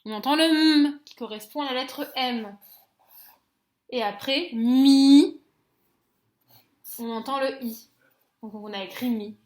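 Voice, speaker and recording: A woman teacher with a French accent giving a slow phonics lesson to young children, sounding out each letter and syllable clearly and gently. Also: a little high. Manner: gentle and encouraging toward children.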